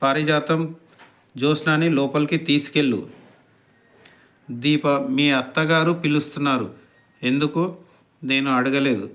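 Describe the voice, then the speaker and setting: A man's voice: on the high side, steady tone, unhurried, pauses often, fairly bright tone. A man retelling a TV serial episode, quoting each character's lines in a plain narrating voice.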